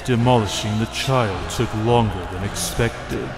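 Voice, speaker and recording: Menacing soul-construct villain, formal and slow, drenched in long reverb. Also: male voice, on the low side, music in the background. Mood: cold menace. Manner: formal, deliberate, coldly polite. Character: menacing male body of thousands of souls. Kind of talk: video game villain acting.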